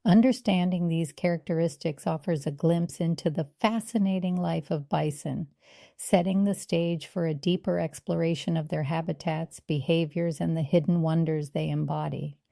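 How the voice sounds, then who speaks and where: A woman reading scripted nature documentary narration in a measured, earnest and polished way. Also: sits low, fairly even intonation, vocal fry, dark tone, no room sound, studio quality.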